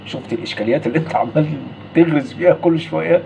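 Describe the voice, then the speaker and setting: A man with an Egyptian Arabic accent giving a religious lesson on recitation. He asks the listener questions and draws out sounds slowly to contrast them. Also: a little high, gravelly, background noise. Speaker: Quran recitation teacher.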